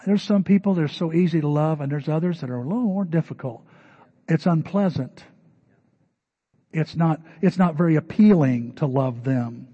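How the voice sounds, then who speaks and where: A middle-aged man preaching in a talky, everyday way, his mellow, slightly husky voice a bit high for a man. He jumps up to loud, emphatic peaks and then drops to quiet, low asides. The recording sounds dull and lo-fi. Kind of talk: sermon.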